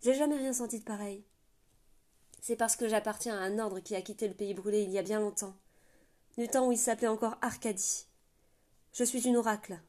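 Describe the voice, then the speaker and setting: A woman voicing a wary young girl who is an oracle, in a high, earnest child voice, in a storybook reading. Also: fairly even intonation, a little fast, long pauses, dark tone, natural voice.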